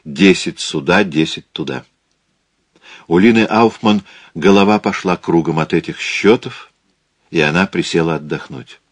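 A man reading a novel aloud as an audiobook narrator, measured and steady. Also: low-pitched, dry recording. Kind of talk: scripted literary narration.

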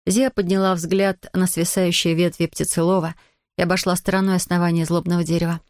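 A woman narrating an audiobook in an even, measured storytelling manner. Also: fairly low pitch, no echo, clean studio sound.

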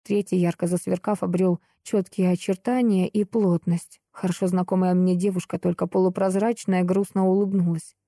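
A woman narrating a fantasy audiobook in the first person, reading in an expressive storytelling way. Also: on the low side, moderate pace, few pauses, no echo, clean studio sound.

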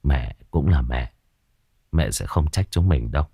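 A man doing a gentle remorseful young husband. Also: rumbling low, unhurried, husky, no echo, clean studio sound, exaggerated voice. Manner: gentle, soothing.

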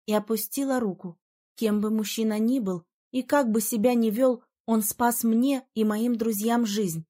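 Female audiobook narrator, expressive first-person reading, warm tone. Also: fairly high pitch, measured pace. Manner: expressive, emotional storytelling.

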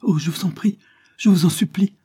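A man's voice: medium pitch, normal speed, mellow, breathy edge, voice pushed up, natural voice. A man voicing a tearful pleading noblewoman.

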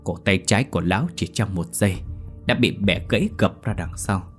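A man's voice: low voice, fairly quick, slightly rough, soft background music. A man telling a ghost story in scripted, dramatic narration.

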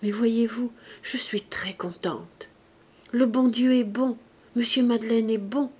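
A woman reading an audiobook, voicing a feverish, dying young mother who demands answers and then pleads softly. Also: a little high, fairly even intonation, takes it slowly. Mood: fervent relieved. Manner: sharp, hoarse outbursts, then hushed and pleading. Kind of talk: audiobook character voice.

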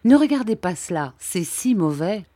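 A woman's voice: mid-range voice, big pitch swings, normal speed, warm tone, no room sound, clean studio sound. A woman reading aloud, voicing a shy, sad middle-aged male painter who pleads plaintively and belittles himself. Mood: pleading. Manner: plaintive, self-deprecating pleading.

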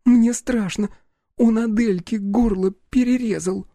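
A man's voice: steady tone, unhurried, mellow, no echo, studio quality. A man doing a terrified, tearful young woman. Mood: terrified pleading. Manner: high, tremulous, pleading.

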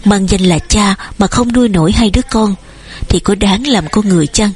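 A woman narrates an audiobook with a steady, storytelling delivery. Her voice is breathy and slightly husky, with a medium pitch. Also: moderate pace.

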